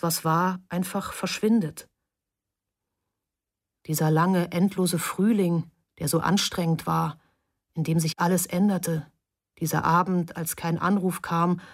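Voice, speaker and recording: A woman narrates a novel aloud in a calm, inward way. Her voice is husky and sits a little low. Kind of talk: audiobook narration.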